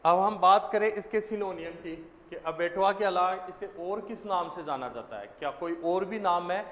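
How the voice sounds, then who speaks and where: A man's voice: high-pitched, normal speed, a bit bright, big-room sound. A man teaching exam vocabulary, explaining step by step and answering his own questions.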